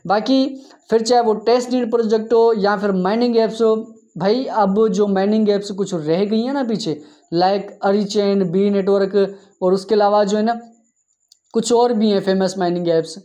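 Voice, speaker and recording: A man hosting a crypto app channel, narrating over a screen share in an exasperated, scolding tone, often tagging his sentences with a quick "okay". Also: high-pitched, steady tone, warm tone. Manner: exasperated, scolding, tags lines with 'theek hai'. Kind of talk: screen-share commentary rant.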